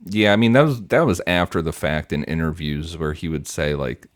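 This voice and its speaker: A man with a very low, deep voice reads through his prepared notes in a steady, matter-of-fact way. He is close to a podcast microphone in a dry, dead-sounding room. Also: moderate pace, no room sound. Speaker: podcast co-host and researcher.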